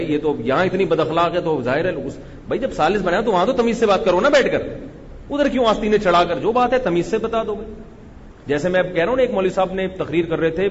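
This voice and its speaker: A man giving a conversational sermon, animated and often acting out quarrelling people. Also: on the high side, slight background noise. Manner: conversational, animated, acts out quarrels and shouting speakers. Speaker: Islamic scholar giving a lecture. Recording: muffled lecture recording with long hall echo.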